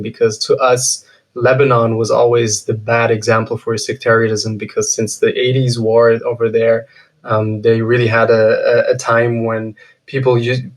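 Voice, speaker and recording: A man from Syria hosting a casual interview podcast, speaking haltingly and repeating words as he searches for phrasing. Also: mid-range voice, poor audio. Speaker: podcast host. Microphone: remote call.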